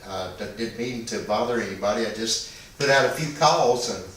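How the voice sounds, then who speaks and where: A man with a lowish, slightly bright voice speaks at a normal pace, making casual amateur two-way radio calls in a hesitant, apologetic manner. The audio comes through a noisy internet radio link and sounds echoey and distant.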